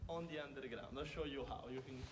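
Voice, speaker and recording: A fast-talking young Italian man with a mid-range voice and an Italian accent gives a chatty outdoor winery tour to a group, saying "very" again and again for emphasis. The stone village street setting is loud, and the phone camera recording from within the crowd leaves his voice distant.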